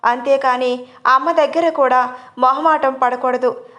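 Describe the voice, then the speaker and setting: A woman voicing a loving middle-aged mother who coaxes and comforts gently in a storybook reading. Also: sits high, steady tone, a little slow. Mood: tender scolding. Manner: tender, coaxing.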